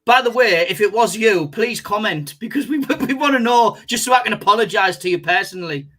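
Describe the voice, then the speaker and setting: A young man co-hosting a casual chat show, telling sweary anecdotes and laughing at himself. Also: high-pitched. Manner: animated storyteller, quick to laugh at himself. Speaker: co-host.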